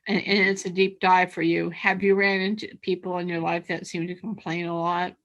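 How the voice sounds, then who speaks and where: A woman hosts a casual interview, her voice set a little low. She stammers over her questions and starts them again. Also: little pitch movement, normal speed, a bit bright, dull audio. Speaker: interview host.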